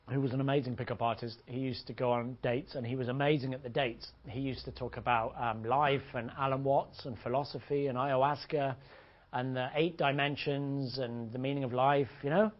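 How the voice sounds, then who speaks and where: A man's voice: mid-range voice, moderate pace. A man giving a blunt, crude, joking seminar talk as a dating coach to a room of listeners. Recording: dull lo-fi audio.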